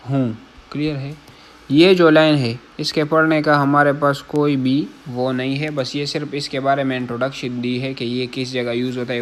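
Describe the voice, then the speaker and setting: A man from Pakistan, teaching Korean vocabulary in a casual lesson. He reads each word, repeats it, glosses it in Urdu and keeps checking that listeners follow. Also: mid-range voice. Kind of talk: casual classroom-style lesson.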